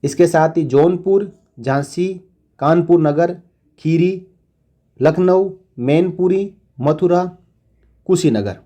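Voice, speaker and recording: A man with a fairly high, mellow voice reads out a long list of places. His delivery is very slow and steady, with short casual asides between the items. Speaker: channel host.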